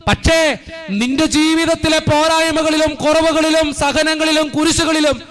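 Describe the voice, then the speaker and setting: Fervent priest preaching, high voice. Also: male voice, steady tone, unhurried, fairly bright tone. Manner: storytelling, rising to fervent repeated appeals. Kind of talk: sermon. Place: church courtyard.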